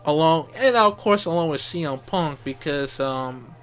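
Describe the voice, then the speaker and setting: Slow-paced, high-voiced man chatting casually. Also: lively intonation, a bit bright, smooth, faint music behind. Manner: halting, repetitive, with slangy exclamations. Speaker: wrestling fan commentator. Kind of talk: casual off-the-cuff wrestling recap.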